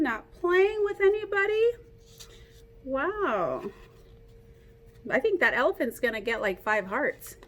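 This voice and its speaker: Like a teacher at story time, a woman with a high voice reads a picture book to children, lively and playful, encouraging them to join in. There is a little hiss or hum in the recording.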